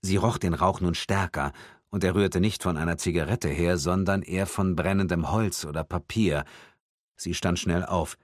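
A man reading an audiobook in a measured, tense storytelling manner. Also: low-pitched, fairly even intonation, no room sound, studio quality. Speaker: audiobook narrator. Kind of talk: scripted audiobook narration.

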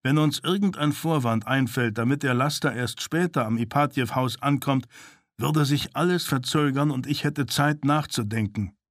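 A man's voice: mid-range voice, normal speed, dry recording, studio quality, close to an everyday voice. A man voicing a stern, commanding male officer who speaks curtly and with authority. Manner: curt, authoritative.

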